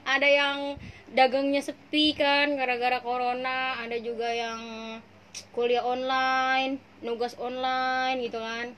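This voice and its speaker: A woman's voice: sits high, level tone, a little slow, fairly bright tone, a little hiss or hum. A young woman hosting a casual podcast, playful and slangy, laughing often. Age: young adult. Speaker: podcast host.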